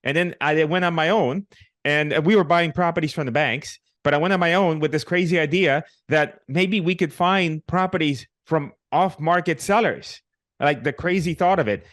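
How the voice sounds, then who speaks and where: A man's voice: on the high side, normal speed, fairly bright tone, no echo, clean studio sound. Puerto Rican man, joking interview guest. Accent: Puerto Rican Spanish. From Puerto Rico. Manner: joking, many fillers and restarts. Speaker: guest, real estate investor. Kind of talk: casual interview storytelling.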